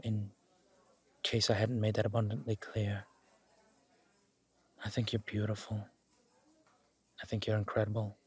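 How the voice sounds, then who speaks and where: Voicing a charming mafia boss who is smitten with his date, a man speaks huskily and at a fairly low pitch in an intimate, conversational audio roleplay, both teasing and earnest. The mood is tender and sincere, and the recording is dry.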